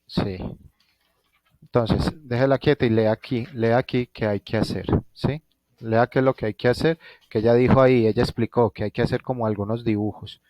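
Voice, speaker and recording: A steady, slightly mellow mid-range voice at a moderate pace comes through in a dry recording. The speaker, a Colombian man with a Colombian Spanish accent, teaches physics live online from home, thinking aloud and regularly checking in with his class.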